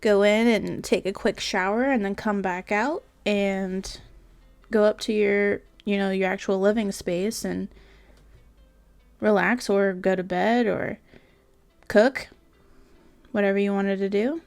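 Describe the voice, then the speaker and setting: A woman's voice: mid-range voice, steady tone, takes it slowly, long pauses, clean tone, soft background music. A tired woman giving casual, rambling voice-over commentary on her building game, full of fillers and trailing asides. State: tired, yawning.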